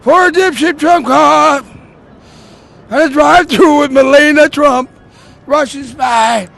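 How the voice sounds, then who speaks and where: A man's voice: very high voice, slow pace, vocal fry, fairly bright tone. A man on a busy city street, talking in a rambling, incoherent and combative way. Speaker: passerby. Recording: street noise behind.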